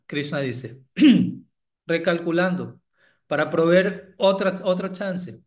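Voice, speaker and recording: Man, spiritual teacher, devotional talk, reflective, checks in with listeners, clears throat, slightly high voice. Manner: reflective, asks "¿no?" after points.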